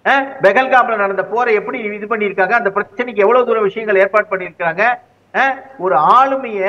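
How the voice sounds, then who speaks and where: A man's voice: very high voice, bright, forceful tone, muffled recording. A man speaking as a guest commentator in a heated political interview, arguing his side with repeated rhetorical questions.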